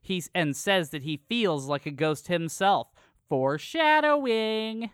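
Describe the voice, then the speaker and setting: A man's voice: fairly high pitch, normal speed, a bit bright, no echo, studio quality. A man co-hosting a podcast, recapping an episode from a script with jokey asides. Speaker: podcast co-host. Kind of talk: casual recap chat.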